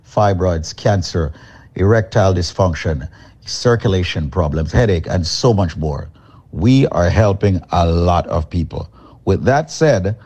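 Low, dark-voiced male radio pitchman from Jamaica. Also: dull audio. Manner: pushy, salesy. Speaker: company chairman.

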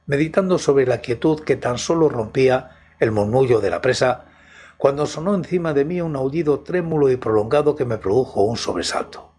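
A man's voice: mid-range voice, a little mellow, husky. A man with a Spain Spanish accent narrating in the first person as a storytelling host.

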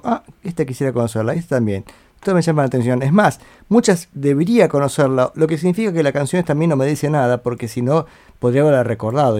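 A man hosting a casual radio show, thinking aloud and correcting himself as he rambles through listener greetings and song lists. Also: dark tone. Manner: reads listener greetings and lists songs in a low aside. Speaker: radio host.

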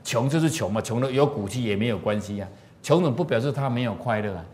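Man, lively teacher, tells parables, quizzes the room, swooping mid-pitch voice. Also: fast. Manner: animated, asks the audience questions. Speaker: moral teacher. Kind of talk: storytelling lecture to an audience.

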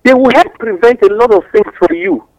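High-pitched Nigerian man explaining in Pidgin. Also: fairly quick, darkish tone, no echo, dull audio. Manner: didactic, uses examples and rhetorical questions. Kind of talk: explanatory talk in West African Pidgin English.

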